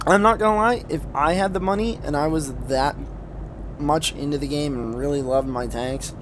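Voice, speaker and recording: A man hosts a gameplay video with casual, rambling, sweary commentary, sounding enthusiastic and having a slight speech impediment. His voice is fairly high at normal speed, with background noise and music playing behind him.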